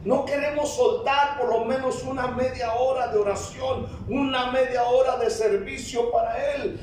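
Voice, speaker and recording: A man with a Guatemalan Spanish accent preaching a sermon, emphatic and deliberate, sometimes rising to a shout. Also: very high voice, recorded from a distance, slight background noise. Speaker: pastor. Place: large church hall. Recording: echoey hall, preacher off-mic, faint ambience.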